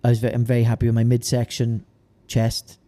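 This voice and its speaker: Man, young adult, Welsh Valleys accent, very mellow tone, mid pitch, casual colloquial storytelling. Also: monotone, fairly quick. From South Wales valleys. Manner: laddish, sweary, colloquial. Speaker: podcast co-host, amateur bodybuilder. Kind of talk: casual chat, anecdotes.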